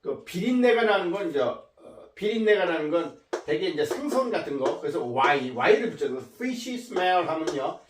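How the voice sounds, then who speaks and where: A man teaching a lecture, often repeating words slowly to drill their pronunciation. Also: a little high, expressive, roomy sound, recorded from a distance, noisy background. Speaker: English teacher.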